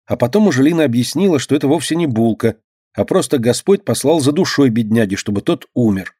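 A man's voice: mid-range voice, expressive, a little fast, dark tone, breathy edge, no echo, studio quality. A man narrating a children's story expressively as an audiobook reader. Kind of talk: scripted narration.

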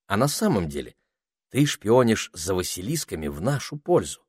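A man voicing a clever, sharp-tongued young girl who talks firmly. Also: on the low side, sing-song, moderate pace, husky, no room sound, studio quality. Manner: firm, reproachful.

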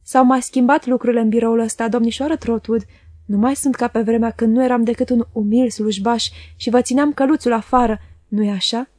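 A woman voicing a falsely humble, fawning young male clerk in a storybook reading, speaking softly and low. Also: fairly even intonation, no echo, clean studio sound, close to an everyday voice.

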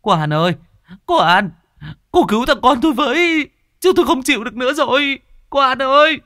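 A woman's voice: expressive, measured pace, gravelly, no room sound, studio quality, exaggerated voice. A man voicing a frantic middle-aged village woman who sobs and begs shrilly for help. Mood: frantic wailing. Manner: shrill, sobbing pleas.

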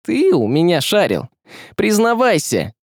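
A man voicing a hot-tempered young villager, shouting accusations in a high, strained voice, in a dry close recording. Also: huge pitch swings, unhurried, dry recording, exaggerated voice. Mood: accusing.

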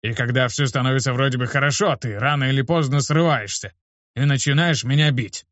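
A man's voice: medium pitch, fairly quick, fairly bright tone, dry recording, pitched above the performer's own voice, lightly acted. Brief: male reader as a blunt, barking tough guy, raised voice, lo-fi and dry. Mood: irritated. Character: gruff adult man, irritable slum teacher. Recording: dull lo-fi dry recording.

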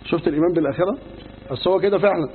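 Egyptian sheikh giving a lesson, quick and a bit high, sounds like an old phone-line recording with faint hiss. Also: male voice. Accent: Egyptian Arabic. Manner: lively storyteller, acts out dialogues in everyday speech. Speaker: Islamic preacher teaching a lesson. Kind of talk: religious lesson.

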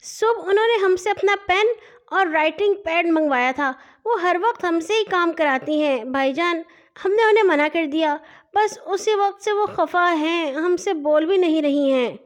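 A woman's voice: very high voice, pitched above the performer's own voice. A woman voicing a playful, stubborn little girl who coaxes and pleads in a storybook tale. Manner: coaxing, childlike pleading.

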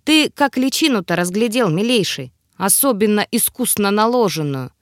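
A woman reading the part of a smug male elf curator in an audiobook, teasing and theatrical, his voice bobbing up and down with lively swings, recorded close and dry with no room sound. he toys with the people he questions. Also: medium pitch, moderate pace, no room sound, close to an everyday voice. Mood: sarcastic. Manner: drawling, mocking, theatrical.

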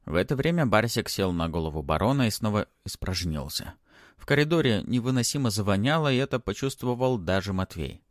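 Low-voiced man reading an audiobook. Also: expressive, brisk, no room sound, studio quality. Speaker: audiobook reader. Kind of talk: audiobook narration.

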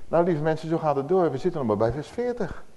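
An older man preaching a sermon in speech, swinging from loud declaiming to soft tender asides. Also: on the high side, big pitch swings, fast.

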